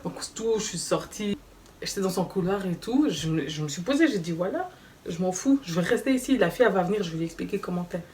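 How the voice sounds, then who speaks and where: A woman's voice: lowish voice, quick pace. Slangy young woman telling a storytime vlog. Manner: animated, slangy, acts out quoted dialogue. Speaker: vlogger. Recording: slightly distant mic with faint background noise.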